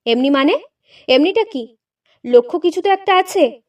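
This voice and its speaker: A woman's voice: high voice, lively intonation, normal speed, lo-fi sound. Woman doing a scolding suspicious old wife. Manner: sharp, scolding, accusing. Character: irritable suspicious elderly Bengali wife.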